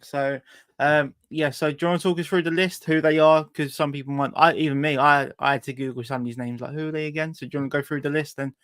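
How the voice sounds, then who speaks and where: A man's voice: on the high side, steady tone, quick pace, fairly bright tone, no echo, clean studio sound. A man with a British accent casually hosting a livestreamed talk show.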